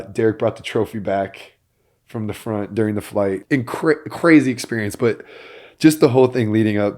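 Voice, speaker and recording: A man hosting a podcast, telling a story in an animated way that builds to excited bursts. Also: fairly low pitch. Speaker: podcast host. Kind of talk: casual chat.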